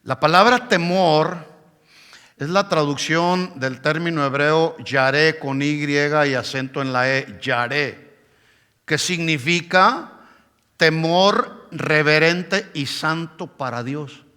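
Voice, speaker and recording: A man preaching a sermon in a church hall, his bright, ringing voice sitting a touch high. He presses his points with emphasis and keeps turning to the congregation for a response. Long reverb trails off each phrase. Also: takes it slowly, clean tone. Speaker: pastor.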